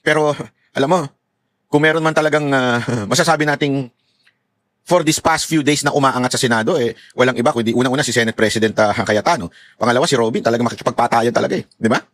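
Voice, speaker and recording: A man's voice: medium pitch, fast, a bit bright, no echo. A man giving heated, sarcastic political commentary to his viewers in a vlog, swearing and laughing often and mixing English phrases into his talk.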